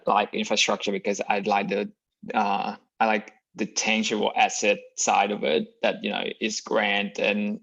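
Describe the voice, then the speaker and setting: A man's voice: lowish voice, completely flat delivery, a little slow, vocal fry, fairly bright tone, husky, dull audio. A young man from Vietnam with a Vietnamese accent, an MBA applicant answering questions hesitantly with many fillers. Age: young adult.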